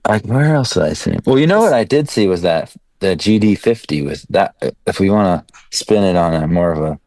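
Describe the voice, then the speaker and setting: A man's voice: low-pitched, animated, brisk, darkish tone, no echo. A man guesting on a podcast, speaking hesitantly with frequent restarts. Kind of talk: casual chat.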